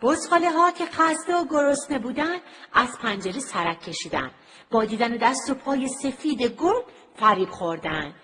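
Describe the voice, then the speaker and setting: Lively woman telling a children's story. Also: high voice, noisy background. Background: music.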